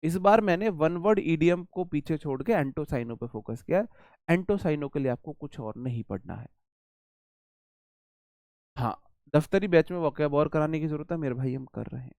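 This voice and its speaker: A man's voice: fairly high pitch, moderate pace, a little mellow, no echo. A man teaching English vocabulary in a live online class, chatty and repeating words while he explains memory tricks and answers the chat.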